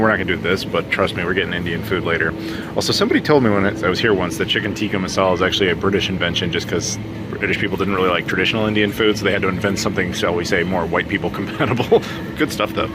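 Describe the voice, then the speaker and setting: A man hosting a travel vlog, chatting casually and joking about himself while he walks through an airport and a supermarket. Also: sits low. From United States. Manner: joking, chatty, self-mocking. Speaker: travel vlogger host. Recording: noisy on-location audio.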